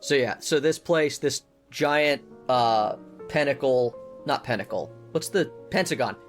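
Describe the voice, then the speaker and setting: A man's voice: medium pitch, unhurried, soft background music. A man narrating a tabletop game as game master, casual and full of self-corrections.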